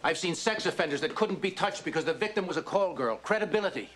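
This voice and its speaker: A man's voice: sits high, lively intonation, fast talker, fairly bright tone. An actor playing a ruthless, middle-aged male intelligence official in a film, cold and driven. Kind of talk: film dialogue.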